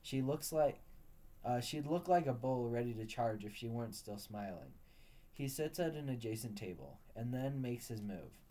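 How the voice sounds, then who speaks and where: Male storyteller, warm low-brightness tone, steady read-aloud delivery. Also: normal speed. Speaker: narrator.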